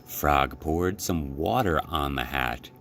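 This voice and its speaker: With an extremely low-pitched voice, a man plays library storyteller, reading a children's book with deliberate, expressive phrasing. The recording is very noisy.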